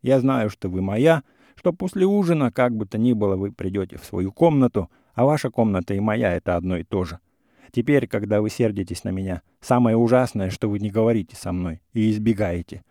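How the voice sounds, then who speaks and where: A man voicing a hot-headed young gentleman suitor in a classic story reading, talking in a heated, insistent way. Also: lowish voice, expressive, fairly quick, dry recording, studio quality. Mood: indignant. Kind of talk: audiobook character reading.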